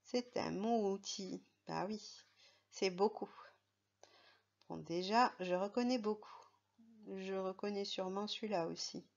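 A woman's voice: mid-range voice, fairly even intonation, measured pace, creaky, pauses often, muffled recording. A woman teaching a reading lesson to young children, patient and careful, spelling words out letter by letter. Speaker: primary school teacher.

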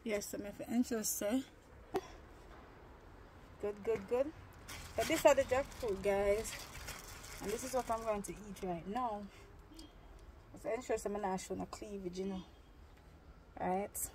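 Under a tin-roofed shed in a yard, a young cooking vlogger holds her phone at arm's length and chats casually to viewers as she eats, addressing them directly. She speaks a little slowly in a mid-range voice, pausing often, and there is background noise.

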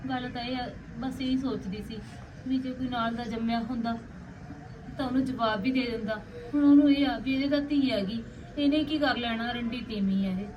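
A woman's voice: on the high side, steady tone, moderate pace, far from the mic, muffled recording, noisy background, close to an everyday voice. A young actress playing a worried newlywed Punjabi woman who confides her troubles. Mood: troubled.

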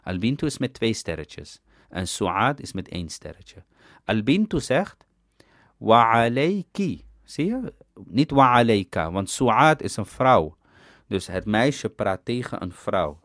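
Slow, animated man teaching Arabic grammar. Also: lowish voice, no echo, clean studio sound. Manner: explains step by step, asks "ja?" to check understanding. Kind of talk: recorded language lesson.

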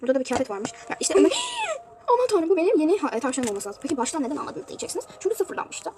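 A woman's voice: high-pitched, big pitch swings, racing, background noise. A woman giving casual commentary on a mobile game she is playing, chatty and prone to exasperated outbursts. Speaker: youtuber showing a mobile game.

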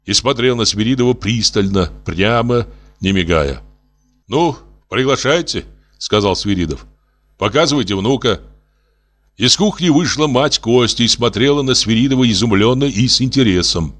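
Expressive male audiobook narrator. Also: mid-range voice, moderate pace. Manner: expressive storytelling. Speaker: audiobook reader.

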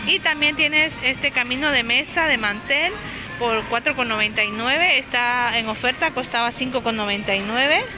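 The recording is low quality, capturing a somewhat high-pitched woman narrating her walk through a large discount supermarket on her handheld phone. She chats about prices and sizes, correcting herself along the way, over background music.

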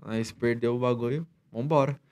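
A man's voice: mid-range voice, steady tone, moderate pace, darkish tone, a little hiss or hum. A man as a podcast guest, retelling a story in a rambling, slangy way with many restarts. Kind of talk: casual storytelling chat.

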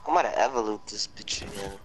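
A man's voice: lowish voice, fast talker, slight background noise, rough recording. A man in casual gaming chat with a friend, laid-back and swearing casually while he plays. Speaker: gamer.

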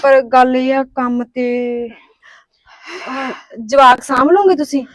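A woman's voice: high voice, steady tone, no room sound. A young woman playing a devout daughter-in-law who argues with her mother-in-law and comforts a stranger. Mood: soothing. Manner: quick, earnest, talks back when pushed. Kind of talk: amateur short-film acting.

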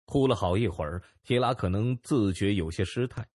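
A man narrates a novel in an expressive storytelling style. His voice is lowish and husky, and his pitch moves a lot. The sound is dry and close. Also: normal speed, no echo. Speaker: audiobook narrator. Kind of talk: scripted narration.

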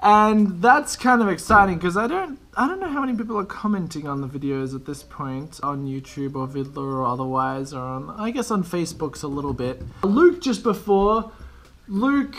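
A man's voice: a little high, animated, moderate pace, a bit bright. A young man talking casually to his camera in a rambling, self-mocking vlog monologue. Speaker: vlogger.

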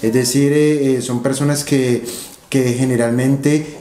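A man talks through ideas patiently, leaning on rhetorical questions. His voice sounds mellow and dark. The room around him rings with an echo. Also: medium pitch, fairly even intonation, unhurried, slight background noise. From Colombia. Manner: explanatory, uses analogies and rhetorical questions, gestures with hands. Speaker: interviewee, finance educator. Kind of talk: seated interview conversation. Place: office room with large windows. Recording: roomy office echo.

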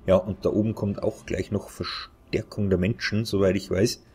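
A man giving casual let's play commentary, musing to himself in an unhurried way. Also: fairly low pitch, level tone, a little mellow, a little hiss or hum. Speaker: let's player.

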